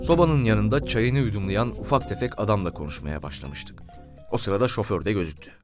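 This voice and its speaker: A man narrating an audiobook story in an expressive, storytelling manner. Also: on the low side, fairly quick, loud music behind the voice. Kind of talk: scripted narration.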